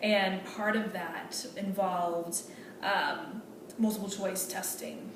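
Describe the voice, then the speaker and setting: A woman with a mid-range voice and steady tone speaks slowly, close to her everyday voice, as she plays an earnest female medical student in a role-play meeting. She sounds polite and hesitant, full of fillers and restarts. The recording is noisy, with an echoey room and a distant mic.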